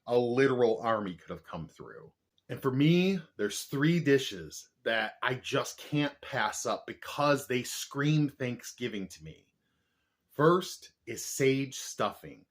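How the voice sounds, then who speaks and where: A man's voice: medium pitch, fairly bright tone. A man chatting casually as the host of a snack review vlog, with a jokey, playfully exaggerating way of talking. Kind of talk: casual food review chat.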